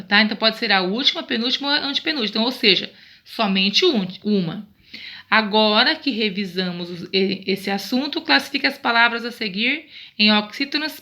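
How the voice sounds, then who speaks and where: Woman, Brazilian accent, teacher, bright tone, patient repetitive explaining. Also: on the high side. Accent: Brazilian Portuguese. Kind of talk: online Portuguese grammar lesson.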